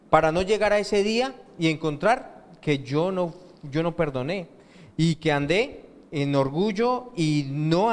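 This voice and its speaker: Male pastor preaching, kinda high voice, lots of "¿qué?" and "¿cierto?" to the crowd, big echoey church. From Colombia. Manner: asks rhetorical questions and lets the congregation fill in the answer. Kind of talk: sermon. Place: church hall with long reverb. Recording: reverberant church hall.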